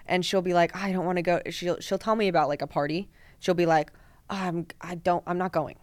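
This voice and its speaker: A young woman in her twenties hosting a relaxed podcast chat, with a fairly low voice for a woman. She tells stories eagerly, slipping into the voices of people she quotes, and laughs often. The sound is dry and close, with almost no room around it. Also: brisk, no echo. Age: 20s. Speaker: podcast host. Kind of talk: casual chat.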